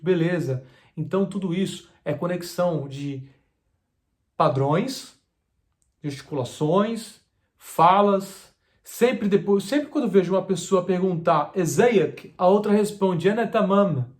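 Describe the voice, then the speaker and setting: A man speaks in a fairly high register. He talks casually to camera as a language teacher, keen and lively, often turning to the viewer with rhetorical questions. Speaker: language teacher and video creator.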